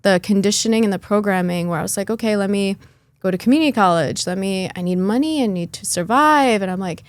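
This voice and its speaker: A woman's voice: medium pitch, fast talker, dry recording. A young adult woman speaks as a podcast guest, telling her story in a candid, chatty way, with easy fillers and a mid-range voice. The sound is dry and close, with no room around it. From born in Lithuania, raised in Chicago. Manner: earnest, chatty, with light laughs and fillers.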